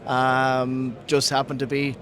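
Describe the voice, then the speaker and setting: An interview guest who sells to the mining industry speaks slowly with a completely flat delivery and a medium-pitched, fairly bright voice. Irish-accented and raised in Ghana, he talks casually, frequently restarting as he hunts for words, while a busy conference crowd fills the trade floor behind him.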